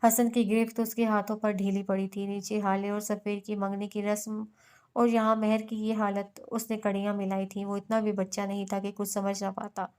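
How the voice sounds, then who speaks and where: Woman narrator, novel reading, smooth clear voice, flat even delivery. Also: mid-range voice, normal speed. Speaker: audiobook narrator.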